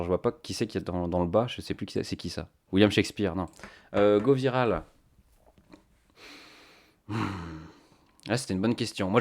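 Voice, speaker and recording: Man, slightly low voice, casual stream chat, rambling with fillers, cheap mic. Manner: chatty, thinking aloud, many fillers. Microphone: cheap microphone.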